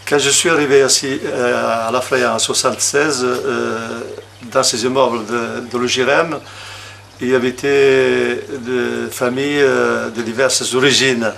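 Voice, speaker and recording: A man in his sixties from Portugal speaks in a documentary interview, his voice gravelly and his delivery halting. He pauses often between phrases. A faint hum sits behind him. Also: medium pitch, little pitch movement, a bit bright. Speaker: resident.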